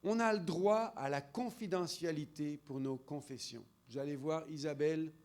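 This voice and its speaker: A man's voice: a little high, normal speed, a little mellow. French-accented man leading a church talk. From France. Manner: engaging, addresses audience members by name. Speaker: speaker at a church seminar. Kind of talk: interactive sermon-style talk.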